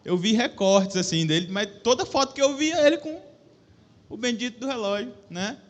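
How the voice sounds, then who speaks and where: In a church hall, a young preacher with a Brazilian Portuguese accent gives a relaxed sermon in a very high-pitched voice at a moderate pace. He's chatty and self-deprecating, cracks jokes, and poses questions to the crowd, using a microphone with a stage monitor.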